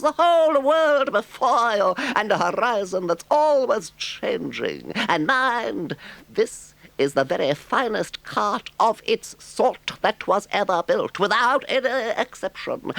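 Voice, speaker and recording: Conceited toad gentleman, very high swooping voice, excitable, gushing, theatrical storybook character. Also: vocal fry, no room sound, heavily acted. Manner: gushing, theatrical, grandly emphatic. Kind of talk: audiobook character voice.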